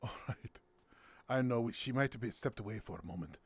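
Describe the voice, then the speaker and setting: A man's voice: medium pitch, a little fast, slightly rough, dry recording. A man hosting a casual game night on his stream, playful and giggly, tossing in silly sound words. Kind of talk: casual gameplay commentary.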